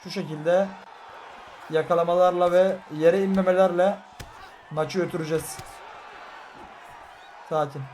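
A young man commentating live as he plays a fighting game, frustrated and excitable, muttering one moment and shouting the next. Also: sits high, a little slow, pauses often. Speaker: gaming streamer. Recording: faint crowd and game noise behind.

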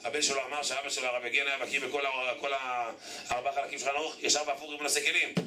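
A man's voice: mid-range voice, little pitch movement, bright, forceful tone. A man preaching a sermon as a rabbi, firing repeated rhetorical questions at his congregation. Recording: echoey room, distant mic, background noise.

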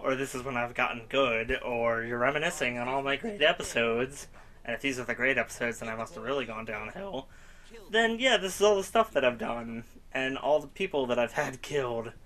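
A man's voice: medium pitch, expressive, a little fast, sharp tone. A young man casually chatting as he plays a story game, rambling and self-mocking, often laughing at himself. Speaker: gaming YouTuber. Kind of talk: casual let's-play commentary.

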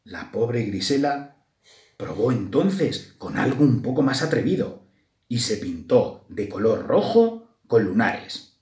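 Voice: medium pitch, distant mic. A library storyteller reading a children's story aloud and addressing the children. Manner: slow, lively, addresses children. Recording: roomy echo.

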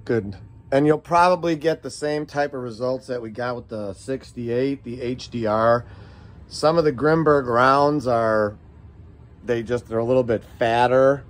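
A man's voice: medium pitch, a little slow. A middle-aged man running a casual product demo vlog, rambling and folksy as he talks viewers through shot results. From United States. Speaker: shop owner demoing airguns.

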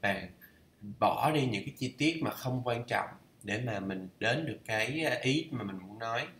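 In this relaxed study vlog, a Vietnamese learner reads course material aloud, musing over English idioms and slowly sounding out phrases to test how they're pronounced. His voice sits in the middle range with lively intonation and a fairly bright tone, recorded in an echoey room.

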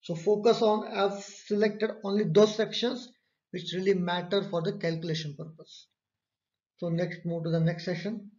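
An instructor with a high-pitched, darkish voice walks through slides in an online course at a normal pace and a steady tone, repeating key phrases for emphasis. He's in an indoor room, his webcam overlaid on the slides, and the recording is slightly dull and lo-fi.

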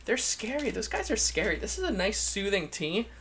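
A man with a campy, chatty drag queen manner, giving a casual, gushing video review in a creaky voice. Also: sits high, big pitch swings, moderate pace, a bit bright, slight background noise. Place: indoor room, seated at a desk.

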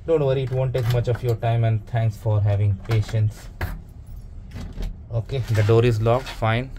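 A man's voice: medium pitch, fairly even intonation, normal speed. Guy rambling thru his basement reno on a handheld cam, lots of uh's, bit of faint noise behind. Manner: rambling, chatty, many fillers and restarts. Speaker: homeowner vlogger. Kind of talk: casual walkthrough narration. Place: unfinished basement, later outdoors in a stairwell. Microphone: handheld or body camera, first-person view.

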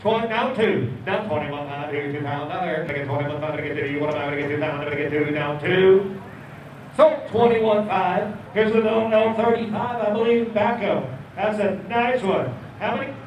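A man working as an auctioneer, calling bids in a rapid repeating chant. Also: high-pitched, dull audio, a little hiss or hum. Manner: rapid repeating bid calls. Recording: distant echoey crowded auction.

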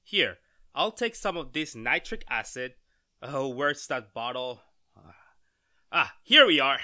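In a retro radio drama, a man plays an excitable, doubting scientist whose melodramatic, halting lines grow more and more astounded. His mid-range voice is exaggerated, and he sounds absorbed and curious.

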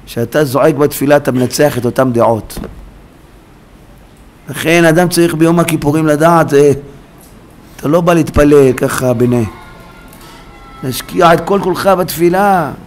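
Male rabbi, sermon in a synagogue; fervent, direct address, fairly high-pitched. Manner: impassioned, swings from low murmurs to loud cries; addresses listeners directly, quotes rabbinic sources.

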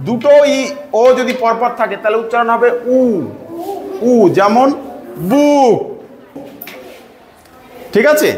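High-voiced male teacher in an echoey classroom. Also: fairly bright tone. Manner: patient, repeats sounds slowly and quizzes pupils. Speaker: English teacher. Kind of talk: classroom phonics lesson. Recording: echoey room, faint background noise.

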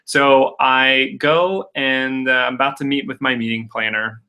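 A young man speaks with a bright, forceful edge into a webcam on a video call. He hosts a live Q&A in a chatty, upbeat way. He tells stories and fills pauses with frequent uhs. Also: mid-range voice, steady tone, smooth. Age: young adult. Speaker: public speaking coach hosting a Q&A. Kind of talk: casual live webinar talk and storytelling.

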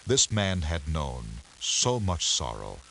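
A man giving measured, scripted storybook narration for an educational game. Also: extremely low pitch, sing-song, vocal fry, a bit bright, a little hiss or hum, full character voice.

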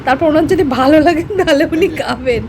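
A woman's voice: sits high, fast talker, noisy background. A woman coaxing and mock-scolding her pet in sing-song baby talk, chatting on a casual home video. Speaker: pet owner filming her dog.

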